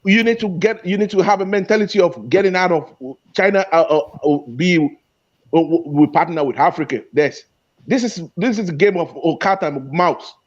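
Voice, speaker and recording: A man's voice: high voice, normal speed, dull audio. A man debating heatedly in an online discussion, often repeating and restarting his phrases. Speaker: guest speaker in an online discussion.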